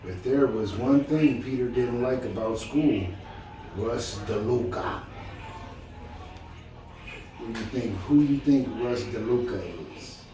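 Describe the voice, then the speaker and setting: A man with a warm, medium-pitched voice reads a children's storybook aloud slowly, pausing often. He chats casually and encouragingly, asking his listener questions. The room is echoey, the mic distant, and music plays behind him.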